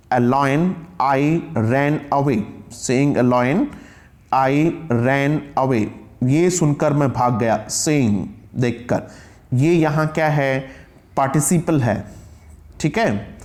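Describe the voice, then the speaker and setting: A man's voice: fairly high pitch, darkish tone. A middle-aged man teaching English grammar, asking questions and reading example sentences word by word. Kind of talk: classroom lecture.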